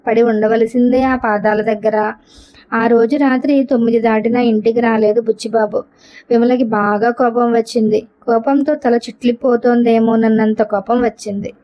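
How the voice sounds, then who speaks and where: Woman narrator, storybook reading, fairly high voice, dull lo-fi sound. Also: fairly even intonation, moderate pace. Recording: dull lo-fi recording.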